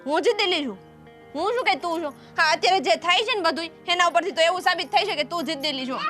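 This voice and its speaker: A woman playing a stubborn, fast-talking younger daughter. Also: extremely high pitch, sharp tone, faint music behind. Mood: defiant. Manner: defiant, argumentative. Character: stubborn younger daughter insisting on marrying first. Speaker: younger sister. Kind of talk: family drama acting.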